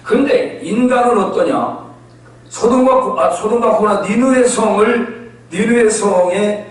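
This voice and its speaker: A male pastor preaching a sermon, telling stories in a lively way and acting out the voices of the people in them. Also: high voice. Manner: animated storytelling, acting out quoted voices. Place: church sanctuary. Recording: echoey church hall from far off.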